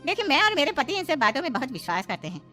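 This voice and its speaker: A woman's voice: sits high, very animated, racing, bright, forceful tone, soft background music, voice pushed up, exaggerated voice. A woman voicing a stern, judgmental middle-aged mother in a moral-story cartoon. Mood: disapproving. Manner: scolding, accusing.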